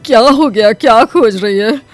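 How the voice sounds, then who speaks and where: A woman voicing a young wife whose cold has turned her voice gruff and manly, stuffy and complaining. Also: fairly high pitch, normal speed, no room sound, faint music behind, natural voice. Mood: sickly complaining. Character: male-voiced daughter-in-law with a bad cold. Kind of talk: animated storybook voice acting.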